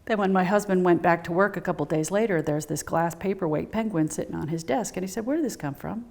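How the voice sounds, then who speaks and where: A middle-aged woman with a low, deep-set voice tells a personal story as a guest in a conversation. She animates it by acting out what people said, her pitch leaping up for the quoted lines. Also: fast, gravelly. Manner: animated, acts out quoted dialogue with big pitch jumps.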